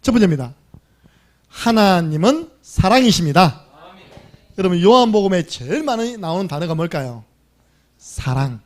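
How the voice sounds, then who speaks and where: A man's voice: high-pitched, sing-song, moderate pace, long pauses. A man preaching a sermon as pastor, telling stories animatedly, acting out the voices in them and asking the congregation questions. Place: church sanctuary.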